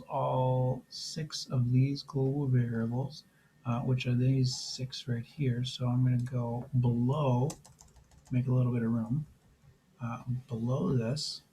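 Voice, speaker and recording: A man's voice: medium pitch, a little hiss or hum, rough recording. Man with a fading voice teaching code. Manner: relaxed, explains step by step with frequent fillers. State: losing his voice. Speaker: programming instructor. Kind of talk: screen-recorded coding tutorial.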